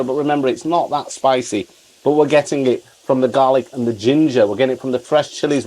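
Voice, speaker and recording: A man's voice: on the high side, darkish tone. A middle-aged man hosting a casual step-by-step cooking tutorial, repeating phrases for emphasis. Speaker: cooking channel host.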